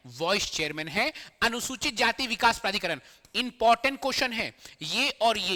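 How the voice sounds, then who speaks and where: A man's voice: high voice, pushed and bright, in a large hall. A man teaching an exam-prep current affairs lesson, repeating each answer for students to memorize and reading questions in Hindi and English.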